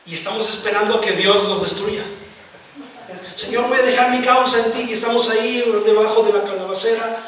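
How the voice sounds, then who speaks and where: A man's voice: sits high, brisk, a bit bright. A man preaching a sermon to his congregation, constantly putting rhetorical questions to his listeners. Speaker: pastor. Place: church hall. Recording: echoey hall from a distance.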